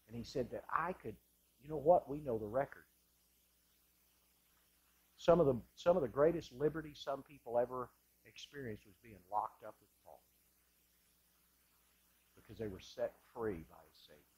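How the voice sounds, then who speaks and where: A male pastor delivering an impassioned sermon in a church sanctuary, moving between loud bursts and hushed lines. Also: mid-range voice, lively intonation, moderate pace, pauses often, breathy edge.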